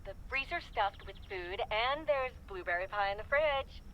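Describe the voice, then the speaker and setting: A woman's voice: medium pitch, lively intonation, normal speed, lo-fi sound, crowd noise, natural voice. An actress playing a chatty, fussing mother leaving a phone message in a story game. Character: cheerful older mother leaving a voicemail.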